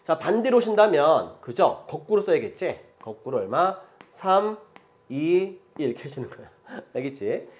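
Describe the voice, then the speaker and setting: A middle-aged male math teacher whose lively pitch swings up and down as he lectures. He talks in a chatty way, switches between polite and casual speech, and keeps checking in with the students. Now and then he laughs as he explains. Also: normal speed.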